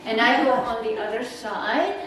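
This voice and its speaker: In a noisy, echoey meeting room, a woman heard from far away talks her way through slides for a naturalist club. Her pitch is fairly high, her speed normal and her tone a bit bright. She comes from the Czech Republic and has a Czech accent, and her delivery is chatty and meandering, full of fillers and laughter.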